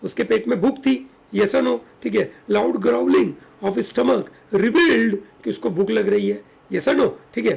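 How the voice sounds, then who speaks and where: A man's voice: high voice, slow, gravelly, hardly any pauses, darkish tone, breathy edge. A man with an Indian English accent teaching an online exam-prep vocabulary lesson, switching between Hindi and English and often asking "yes or no".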